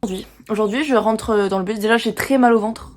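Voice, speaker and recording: A woman's voice: fairly high pitch, a little fast, darkish tone. Chatty young woman venting in a vlog. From France. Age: teens. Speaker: vlogger. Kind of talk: casual storytime vlog.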